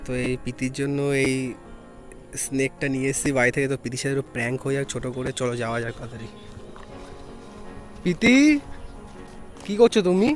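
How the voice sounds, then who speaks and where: A man's voice: mid-range voice, fast talker, pauses often, faint music behind. A man vlogging casually outdoors who keeps repeating himself insistently. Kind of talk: casual vlog chat.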